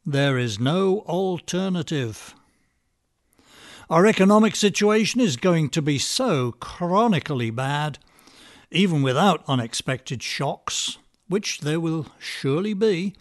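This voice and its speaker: A man giving scripted political commentary with a dry, sardonic, measured delivery. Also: on the high side. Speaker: podcast commentator.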